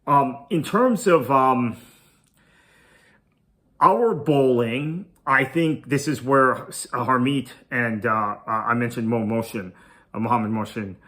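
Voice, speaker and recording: A male podcast host whose first language is Tamil gives a solo preview of a cricket match in a mid-range, sharp-toned voice, speaking slowly. He keeps it conversational, thinking aloud as he goes.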